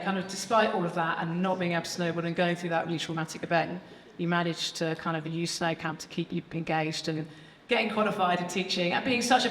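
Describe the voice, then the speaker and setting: A woman with a British accent, hosting a live stage interview in an encouraging, praising manner. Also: lowish voice. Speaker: event host interviewing young people on stage. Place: large event hall, on stage. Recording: echoey hall with crowd and noise.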